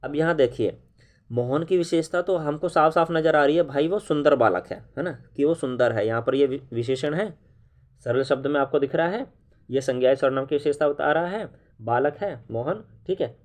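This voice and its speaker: A man teaching Hindi grammar in an online lesson. He explains slowly, repeats key terms, asks viewers questions and keeps checking that they follow. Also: fairly high pitch. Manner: explains slowly, with frequent "है ना" and "ठीक है" check-ins. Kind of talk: classroom-style online lesson.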